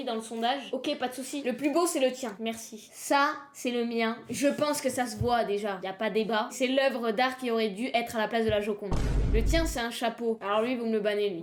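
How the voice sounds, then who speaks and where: A teenage woman with a southern French accent, chatting casually and jokingly on her livestream. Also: high voice. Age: teens. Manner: chatty, jokey, self-mocking. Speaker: streamer. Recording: roomy echo with faint noise.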